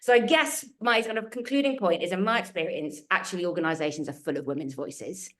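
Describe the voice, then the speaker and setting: This panelist from a culture change consultancy is a woman with a lowish, slightly bright voice who talks fast. Speaking on a video-call webinar, she makes her case earnestly and emphatically, stacking her points into lists.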